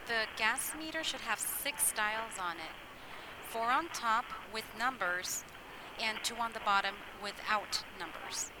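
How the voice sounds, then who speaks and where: A woman with a fairly high voice plays a call centre agent. Her delivery is chirpy, clearly enunciated and scripted, like customer service. Loud noise runs behind her. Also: measured pace.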